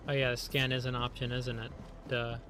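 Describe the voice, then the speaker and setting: A man's voice: mid-range voice, level tone, fairly quick, bright, forceful tone, slight background noise. A man chatting casually while playing a video game on a live stream. He rambles with lots of filler words and is running on very little sleep. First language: English. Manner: rambling, chatty, heavy use of "like".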